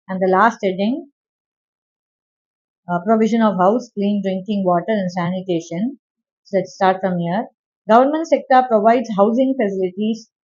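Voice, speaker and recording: A woman teacher reading a textbook aloud and dictating answer points to her students, with quick asides between passages. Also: medium pitch, darkish tone. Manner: reads text aloud, then gives quick asides to students. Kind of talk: classroom lesson dictating notes. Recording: dull lo-fi recording.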